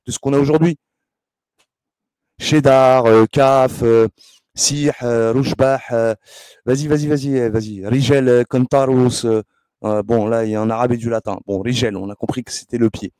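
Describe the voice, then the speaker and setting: Male host, mellow tone, dry recording, rambling and combative delivery. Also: mid-range voice, no echo. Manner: heated, scolding, lots of hesitations. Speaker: channel host. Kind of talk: rambling esoteric monologue.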